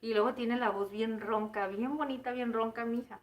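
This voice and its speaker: Mexican lady in her 30s chatting on a cooking live, giggly, voice a bit high. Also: fairly even intonation, moderate pace, background noise. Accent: Mexican Spanish. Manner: chatty and giggly, often calling viewers "chicos". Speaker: cooking livestream host. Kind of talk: casual live chat with viewers.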